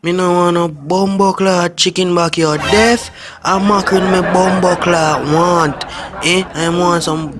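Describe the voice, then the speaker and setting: A man's voice: medium pitch, expressive, fairly quick, close to an everyday voice. A man voicing an irate, stubborn, foul-mouthed cartoon character in Jamaican Patois, scolding and swearing. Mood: irritated. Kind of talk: comedic cartoon voice-over dub.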